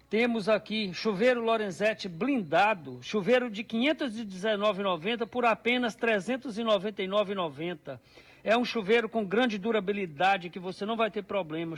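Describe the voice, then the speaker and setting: High-voiced salesman pitching store offers. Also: fairly bright tone. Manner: repetitive, listing offers to customers. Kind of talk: live sales pitch on radio.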